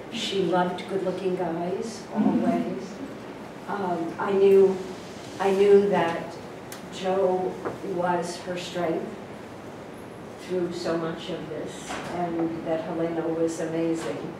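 A woman speaks at a funeral, sharing memories slowly and haltingly, with a somewhat low voice. She is heard from a distance in a very echoey room, with clear background noise. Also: level tone. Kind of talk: eulogy remarks.

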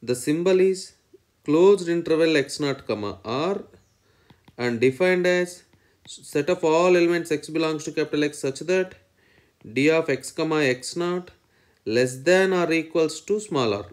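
A man's voice: fairly high pitch, measured pace. A man lecturing in mathematics, dictating definitions in short phrases and repeating each one as he writes.

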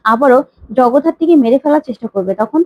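A woman's voice: sits high, lively intonation, fast, no echo, muffled recording. A woman voicing a sly young woman who needles with pointed questions. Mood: taunting. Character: young woman who turns against the family, taunting.

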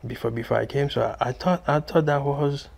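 Gravelly man, halting. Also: mid-range voice, a little mellow. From Haiti. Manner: halting, many fillers and repeats. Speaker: guest, English student. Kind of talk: interview answers. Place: TV studio.

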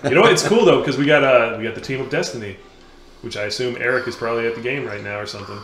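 A man's voice: medium pitch, rapid-fire, fairly bright tone. A man from the Chicago area hosting a video game playthrough, chatting loosely with friends, swearing and laughing a lot. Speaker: let's play host. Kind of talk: casual gaming banter. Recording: roomy echo.

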